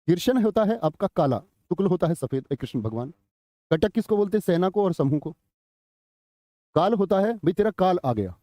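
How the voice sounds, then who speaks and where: A man's voice: high-pitched, animated, moderate pace, dark tone, no echo, clean studio sound. A man teaching a live online exam-prep class, chatty, quizzing students and reading their chat comments aloud. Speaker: Hindi teacher.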